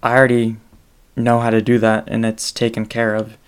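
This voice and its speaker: A man's voice: medium pitch, completely flat delivery, normal speed, clean tone. A man hosting his own podcast alone, talking in a loose, rambling way with many hesitations. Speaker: solo podcast host. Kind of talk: casual solo podcast monologue.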